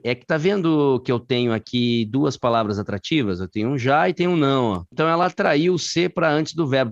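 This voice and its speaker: Man, Brazilian Portuguese accent, grammar teacher, lively and slangy, dull lo-fi audio. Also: mid-range voice. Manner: lively, slangy, calls on students by name. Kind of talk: live online class.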